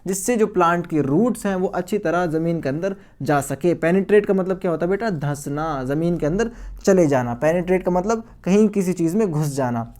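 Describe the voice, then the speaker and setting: A man's voice: sits high, a little fast, a little mellow. A male science teacher giving a video lecture to school students. He mixes English technical terms into his sentences, repeats key words, calls the students guys, and asks questions that he answers himself.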